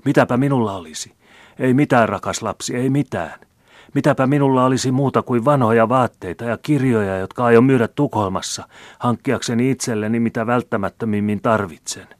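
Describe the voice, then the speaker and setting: A man's voice: sits low, dry recording, studio quality, pitched above the performer's own voice, close to an everyday voice. A man reading aloud and voicing a greedy old male miser who pleads and whines in self-pity. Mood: frightened denial. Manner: wheedling, self-pitying pleading.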